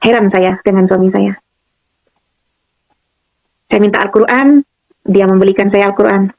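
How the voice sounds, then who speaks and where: A woman's voice: medium pitch, fairly even intonation, moderate pace, no echo, highs cut off. A woman from Madura giving a personal faith testimony, telling her story and often turning to listeners as "saudara". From Madura, Indonesia. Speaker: testimony speaker.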